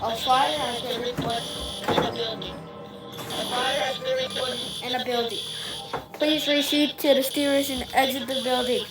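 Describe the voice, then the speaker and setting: A woman's prerecorded fire alarm evacuation announcement played over a loudspeaker, calm and measured, repeating each instruction. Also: high voice, loud music behind the voice, low-quality recording. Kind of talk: calm scripted public address message.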